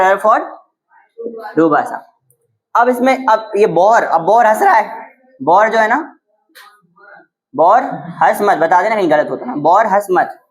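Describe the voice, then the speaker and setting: A man's voice: high voice, poor audio. A male chemistry teacher giving a classroom lesson, explaining memory tricks and quizzing students with rhetorical questions. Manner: uses silly memory tricks.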